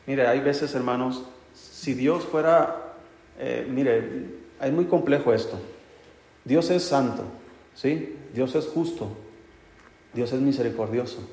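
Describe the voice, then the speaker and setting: A pastor preaches a sermon in a medium-pitched, slightly mellow voice, speaking slowly with long pauses. He calls his listeners brothers, poses rhetorical questions and answers them himself, and adds touches of light humor. The hall is echoey with a long reverb.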